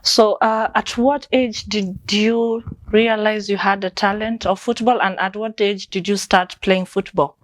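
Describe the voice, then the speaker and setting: A woman's voice: mid-range voice, fairly even intonation, a little slow, few pauses. A woman hosting her own show, thanking viewers politely and interviewing a guest. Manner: polite, many thank-yous, frequent mm-hmms. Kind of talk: vlog intro and interview.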